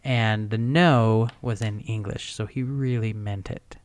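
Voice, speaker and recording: Man, podcast co-host, smooth resonant voice, dry close sound, jokey news reader. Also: fairly low pitch, fairly even intonation, measured pace, dry recording. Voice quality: smooth, soothing newscaster-like delivery. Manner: chatty, jokey, laughs often. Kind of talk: casual chat, reading news aloud.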